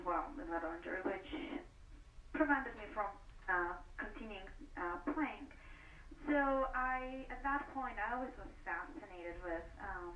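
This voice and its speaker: Woman guest, stuffy from a cold, halting with fillers; roomy, far-off sound. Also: mid-range voice, bright, forceful tone, a little hiss or hum. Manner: hesitant, many fillers. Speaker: guest broker. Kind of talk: phone-in interview. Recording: distant echoey phone call.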